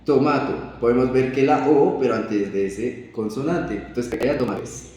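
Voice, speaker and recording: Halting young man teaching in an echoey room. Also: medium pitch, darkish tone. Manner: halting, self-correcting explanations. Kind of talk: classroom grammar explanation. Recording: echoey room, voice far from the mic.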